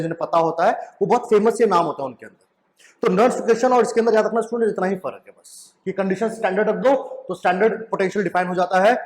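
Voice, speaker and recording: High-voiced man teaching chemistry. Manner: repeats questions back to students, frequent "right?"; mixes in English phrases. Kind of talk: classroom lecture at a whiteboard.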